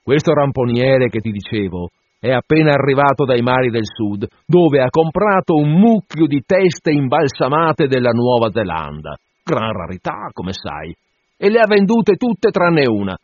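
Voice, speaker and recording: Male reader voicing a drawling, sly old-inn landlord, husky, lively lilt, dull lo-fi sound. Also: medium pitch, measured pace, no room sound. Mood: reassuring. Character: teasing middle-aged male innkeeper, sly and mocking. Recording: dull lo-fi dry recording.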